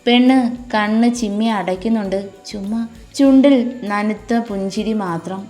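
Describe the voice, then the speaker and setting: A woman reading a family love story aloud as an audiobook narrator, in a calm, steady way. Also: mid-range voice, normal speed, faint music behind.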